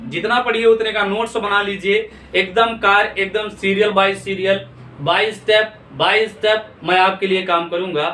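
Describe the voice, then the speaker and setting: A man's voice: high-pitched, fairly bright tone, slight background noise. A man teaching English grammar in a video lesson, asking his students questions, answering them himself, and checking in often. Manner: checks in often with "theek hai na". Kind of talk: classroom-style video lesson. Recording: echoey room, mic at a distance.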